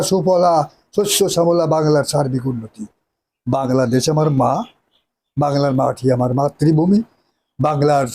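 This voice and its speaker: A man playing an anguished, patriotic nawab hero in a hammy, declamatory folk-theatre style with drawn-out words. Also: a little high, creaky, mellow, a little hiss or hum, poor audio. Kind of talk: 1980s Bengali jatra folk-theatre monologue.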